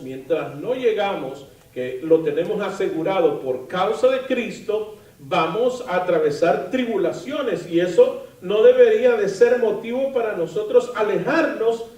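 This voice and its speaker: A man preaching a sermon as pastor, lively, asking the congregation questions and adding light humor. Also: high-pitched. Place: church sanctuary. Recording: roomy, from far off the mic.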